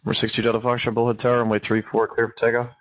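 A man's voice: mid-range voice, monotone, racing. A man working as an air traffic controller, giving clipped standard instructions over aviation radio. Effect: aviation radio transmission. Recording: muffled band-limited radio transmission.

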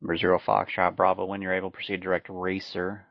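A man gives air traffic control instructions in clipped, procedural phrases. His delivery is very even, with a gravelly fry in the voice. It comes over a dull, lo-fi radio. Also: sits low, fast.

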